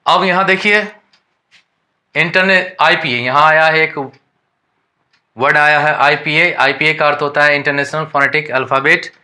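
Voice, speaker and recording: A man with an Indian accent teaching a lesson, reading English definitions slowly and explaining them in Hindi with questions to the learners. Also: a little high, fairly even intonation, bright, forceful tone.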